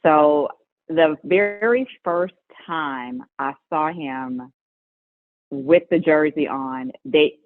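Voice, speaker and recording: A middle-aged woman, the mother of an NBA player, is a guest in a conversational interview, telling lively stories and laughing often. Her voice is low and her words are drawn out. The audio is tinny, like a phone line, and dry with no echo.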